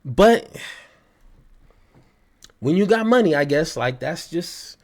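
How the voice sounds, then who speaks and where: A man ranting in a reaction commentary, his voice sitting high and swinging widely as he mocks and scolds. He gets heated and trips over repeated words when worked up. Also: animated, slow pace.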